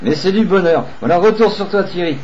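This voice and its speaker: Chatting with a fellow operator over a CB radio, a man speaks in a high-pitched, brisk voice, hesitant and repetitive, peppered with radio procedure phrases. The recording is dull with a little noise.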